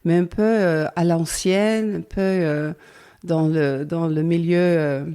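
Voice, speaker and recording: A middle-aged woman from the Netherlands, a guest in a casual interview chat, speaks French with a Dutch accent, hesitating and searching for words amid many fillers. Her lowish, mellow voice is clean in tone, fairly even in intonation, and slow.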